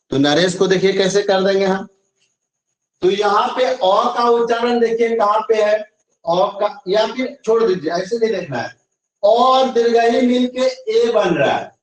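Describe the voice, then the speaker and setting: A man with a high voice teaches an online grammar class, explaining slowly, repeating each step and checking that students follow. He sounds far from the mic, in a very echoey room. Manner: slow, repetitive explaining with frequent check-ins.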